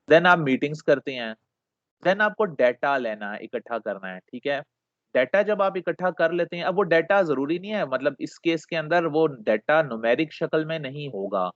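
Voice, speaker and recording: A man teaches a class, pitched a little high for a man. He explains patiently, slips English terms into his sentences and keeps checking with his listeners. The recording is dull and lo-fi, close and dry. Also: dry recording. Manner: explains patiently, mixing English terms into Urdu, often checks with "theek hai". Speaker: lecturer.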